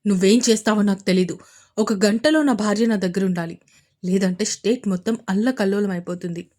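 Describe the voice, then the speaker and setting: A woman voicing an angry, protective young husband who gives curt, forceful orders. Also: medium pitch, steady tone, normal speed, natural voice. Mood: furious commanding. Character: furious protective young husband, commanding hero.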